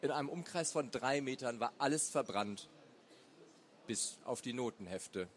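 A man narrating a story aloud in a measured, dramatic way. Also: mid-range voice, lively intonation. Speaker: reader. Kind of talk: audiobook narration.

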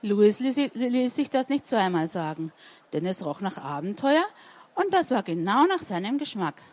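A woman's voice: medium pitch, moderate pace. Woman reading aloud to children. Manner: questions the children, lively. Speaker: storyteller for children. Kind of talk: interactive read-aloud storytelling.

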